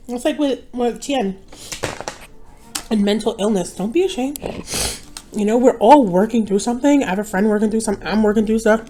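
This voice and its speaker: A young woman talking casually while she eats on camera, easygoing and rambling, her voice sitting at an ordinary middle pitch. A faint noise hums behind her, with small clicks here and there. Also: a little mellow. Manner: rambling, chatty, addresses viewers as y'all. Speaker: mukbang vlogger. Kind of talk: casual chat while eating.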